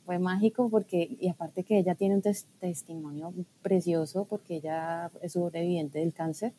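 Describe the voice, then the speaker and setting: A woman from Colombia, a guest talking through her story in a thoughtful, hesitant way with pauses. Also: fairly low pitch, fairly even intonation, warm tone, a little hiss or hum. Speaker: guest, food scientist and blogger. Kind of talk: casual podcast conversation.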